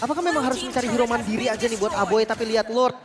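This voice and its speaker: A man with an Indonesian accent giving excitable, colloquial live commentary on an esports match. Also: very high-pitched, very fast, noisy background. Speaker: esports shoutcaster. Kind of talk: live mobile game match commentary and analysis. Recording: loud music behind the voice. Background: music.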